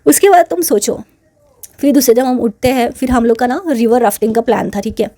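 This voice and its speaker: A woman's voice: on the high side, fairly quick, warm tone. A woman hosting her channel, telling a personal story in a chatty, indignant way and mixing English words into her Hindi. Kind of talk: casual storytelling to camera.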